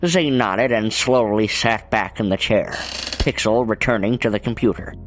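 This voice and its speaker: A man narrating a fan-made audiobook in a steady, plain storytelling voice. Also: on the low side, normal speed. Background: music.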